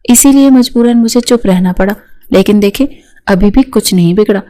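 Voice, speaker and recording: A crafty orphan girl in her teens plays the helpless victim, as a woman reads her in a storybook. She pleads and complains slyly. The tone is warm and mellow at a middle pitch. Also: lightly acted. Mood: pleading. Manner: pleading, self-pitying, sly. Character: scheming, dramatic orphan girl, under eighteen.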